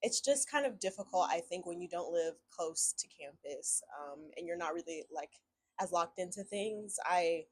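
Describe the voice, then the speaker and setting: A woman's voice: fairly low pitch, animated, normal speed, husky. A young woman from Houston, a law student answering interview questions candidly, a little weary. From Houston, Texas. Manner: candid, a bit weary, laughing.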